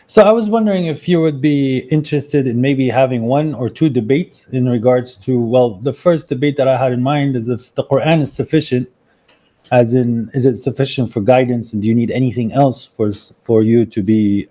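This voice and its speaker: A man from Syria calling in to a debate show, speaking in a measured, hesitant way with frequent fillers. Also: mid-range voice, dark tone. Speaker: caller, debate guest. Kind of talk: casual debate.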